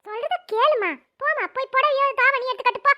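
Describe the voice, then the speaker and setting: A woman voicing a stern, bossy old village grandmother in a cartoon, with a shrill scolding manner. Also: quick pace, pushed and bright. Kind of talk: cartoon voice acting.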